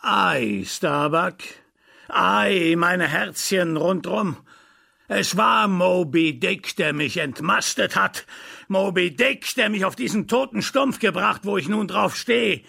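Captain Ahab. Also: male voice, high voice, slow, vocal fry, bright, forceful tone, breathy edge, exaggerated voice. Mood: grieving. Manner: roaring, sobbing outbursts. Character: raging obsessed old sea captain, vengeful. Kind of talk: audiobook reading.

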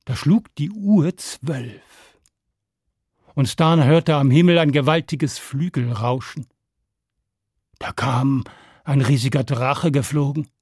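A man telling a fairy tale to children, calm and deliberate, sometimes speaking to the listeners directly. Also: medium pitch, breathy edge, dry recording, clean studio sound. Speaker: storyteller.

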